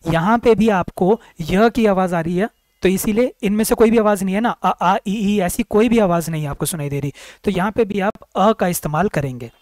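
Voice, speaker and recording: Man slowly sounding out vowels in a grammar class. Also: high-pitched, darkish tone, dry recording. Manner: repeats words slowly, sounding out each vowel; asks questions then answers them himself. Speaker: English grammar teacher. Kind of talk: exam-prep grammar lecture.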